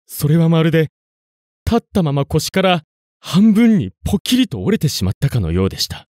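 A man narrating a scripted ghost story in a suspenseful, dramatic way, with deliberate pauses. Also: a little high, huge pitch swings, a little mellow, no echo, studio quality.

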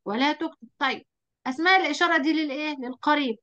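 Woman, Egyptian Arabic accent, teacher, whiteboard lesson, asks questions, stretches out words, high voice, muffled lo-fi sound. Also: pushed and bright. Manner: quizzes the pupil and draws out words slowly.

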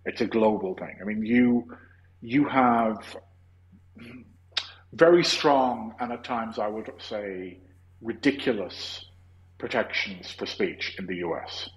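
A man's voice: fairly low pitch, slow pace, long pauses, rough recording. An Irish man hosting a casual podcast discussion, opinionated and rambling, restarting his sentences often. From Ireland. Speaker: podcast host.

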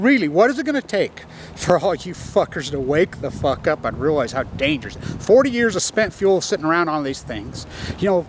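A man in his fifties delivers a furious, profane rant with a high-pitched voice. He speaks urgently into a phone held at arm's length, standing outdoors. Faint background noise sits under his voice. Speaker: video blogger. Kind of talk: angry selfie rant. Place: outdoors on a campus lawn. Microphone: phone camera at arm's length.

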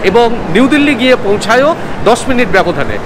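A man's voice: very high-pitched, sing-song, brisk, a crowd in the background, background noise. Masked Bengali man explaining train details. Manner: informative, lists train details step by step. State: speaking through a face mask. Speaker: travel vlogger. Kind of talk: casual travel vlog narration. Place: railway platform and train coach. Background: music.

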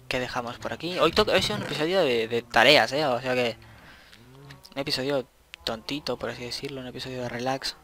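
A man's voice: medium pitch, pushed and bright. A young man, rambling casually to himself while commenting on his gameplay and swearing at the game now and then. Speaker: gaming channel host.

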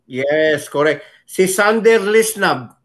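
Brief: male sports co-host, slightly higher voice, relaxed conversational delivery, frequent English phrases. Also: slow pace, crowd noise. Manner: easygoing, switches often into English. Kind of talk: casual sports talk show chat.

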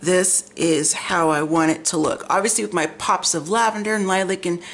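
A woman's voice: fairly low pitch, fairly even intonation, moderate pace. A woman hosting a chatty, gushing magazine flip-through, rambling, with slightly effortful articulation as if half her face were numb from the dentist. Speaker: vlog host. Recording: clear background noise, room ambience.

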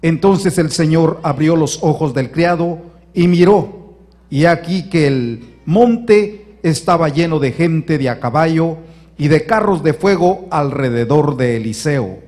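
A man's voice: fairly high pitch, lively intonation, a little slow, darkish tone. Man reading scripture steadily. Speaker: scripture reader.

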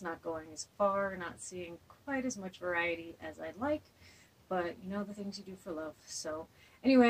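A woman's voice: medium pitch, low-quality recording. A woman in her thirties giving a casual, explanatory video tour inside a small RV trailer. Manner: informal, explanatory.

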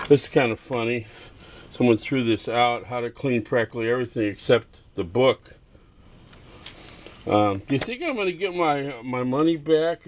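In this casual vlog, a middle-aged toy customizer with a mid-range voice gives a first-person tour of his toys and crafts in a cluttered home workshop and garage. He rambles with halting, self-amused asides, and the camera sound is noisy.

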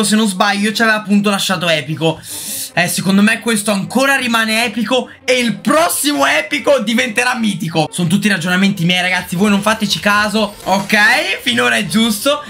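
A man giving excited gameplay commentary as a gaming youtuber, swinging between low mutters and sudden shouts. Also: gravelly.

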